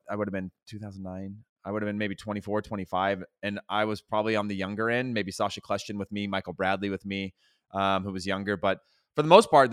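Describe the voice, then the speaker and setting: An American man in his thirties chatting casually as a sports podcast host, often thinking aloud in a halting way. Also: lowish voice, a bit bright, clear, resonant tone, dry recording, clean studio sound. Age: 30s. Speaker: podcast host, former national team soccer player.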